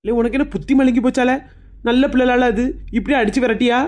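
A woman's voice: fairly high pitch, fairly even intonation, fast, a little mellow, voice pushed down, close to an everyday voice. A woman doing a blunt older neighbor lady. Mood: scolding. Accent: Kanyakumari Tamil. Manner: blunt, chiding. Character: older neighbor woman scolding a young husband.

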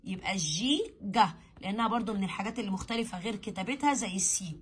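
A woman's voice: mid-range voice, expressive, very fast, husky. A woman with an Egyptian accent teaching English letter sounds, chatty and encouraging, repeating each sound in drills. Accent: Egyptian Arabic. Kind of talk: phonics lesson in colloquial Egyptian Arabic.

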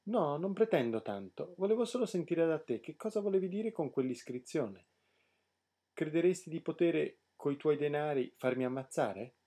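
Man voicing a commanding storybook king, husky, mellow, swooping between loud and hushed. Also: on the high side, animated, moderate pace. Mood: stern. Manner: commanding, ironic, threatening. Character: stern mocking old king, male.

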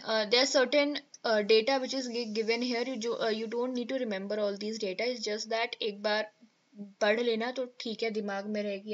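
A woman with an Indian English accent reads a newspaper article aloud for exam students, then explains it. Her voice sits fairly high. The audio is slightly dull and lo-fi. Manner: reads steadily, with fillers and self-corrections. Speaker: teacher.

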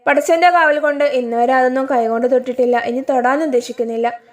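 A woman's voice: sits high, fairly even intonation, fast talker, natural voice. A woman voicing a young husband in a told story, teasing and tender. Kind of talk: storytelling with acted dialogue.

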